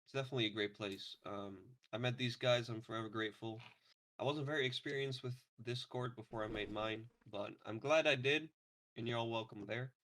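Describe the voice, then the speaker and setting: A man in his twenties hosting a casual podcast, relaxed and hesitant with many ums. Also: medium pitch, a little fast. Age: 20s. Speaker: podcast host. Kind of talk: casual chat.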